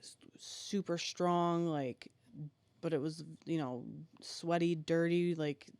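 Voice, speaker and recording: A man guest on a podcast, telling a personal story haltingly and with emotion, full of fillers and restarts. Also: fairly high pitch, steady tone, darkish tone, smooth, no room sound.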